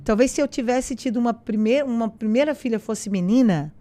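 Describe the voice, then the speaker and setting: Mellow-voiced woman telling her story. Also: on the high side, fairly quick, a little hiss or hum. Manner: animated storyteller who acts out quoted dialogue. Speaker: podcast guest. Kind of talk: casual personal faith testimony.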